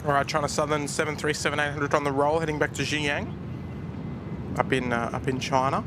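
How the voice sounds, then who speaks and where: A man's voice: on the high side, little pitch movement, brisk. A man giving casual live commentary as a livestream host outdoors. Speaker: plane spotting livestream host. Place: outdoors at an airport. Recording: outdoor ambient noise behind voice.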